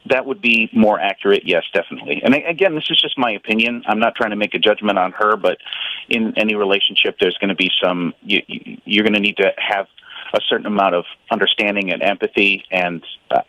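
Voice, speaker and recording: A man's voice: fairly low pitch, fast talker, bright, forceful tone, no echo. A man calling in to a radio show over the phone, hesitant and stammering, repeating his words. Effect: heard over a phone line. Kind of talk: on-air phone call. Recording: dull, muffled phone line.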